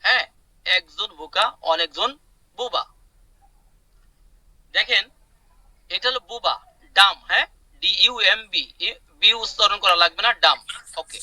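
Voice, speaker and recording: A man's voice: high-pitched, expressive, unhurried, long pauses, pushed and bright, no echo, poor audio. A man teaching Arabic vocabulary in an online class, repeating words, explaining them and asking his students questions. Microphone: video call.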